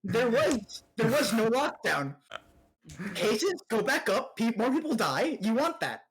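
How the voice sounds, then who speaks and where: A young man arguing hotly in a casual podcast debate, swearing a lot and talking over the others, his cheap mic peaking and distorting when he gets loud. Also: very high voice, very animated, unhurried, breathy edge. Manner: argumentative, swears often, talks over others. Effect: clipping, distorted mic peaking when loud. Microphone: cheap home mic turned up too hot.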